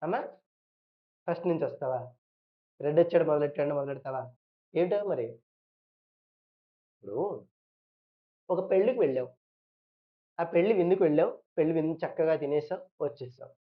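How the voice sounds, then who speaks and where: A woman's voice: low-pitched, lively intonation, moderate pace, long pauses, narrow, tinny audio. A woman preacher giving a sermon, pressing listeners with repeated rhetorical questions and acting out churchgoers in quoted asides.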